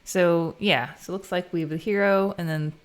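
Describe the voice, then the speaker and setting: Her voice is fairly low and steady, moving at a moderate pace. She's an American woman live streaming her coding session, chatting informally and reasoning aloud casually.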